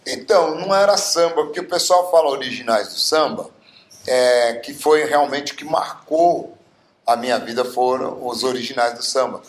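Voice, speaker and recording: A septuagenarian guest singer from Bauru, Brazil, recounts stories in an informal interview, peppering them with fillers. He talks in a medium pitch at a moderate pace, and the recording carries a roomy echo.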